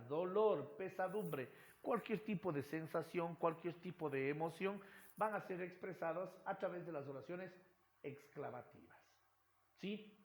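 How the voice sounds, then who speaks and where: A male teacher giving a recorded lecture, often checking in with "right?" and repeating phrases as he explains. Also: a little high. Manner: checks in with "right?" and "yes?" after points; repeats words and restarts phrases. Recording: roomy echo.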